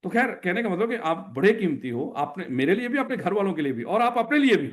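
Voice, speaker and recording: A male teacher with a Pakistani Urdu accent lectures a classroom of students, firing the same question again and again. His voice sits a little high, and he teases the class with fond, joking scolding. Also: big pitch swings, a little fast. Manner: repetitive questioning, affectionate and teasing.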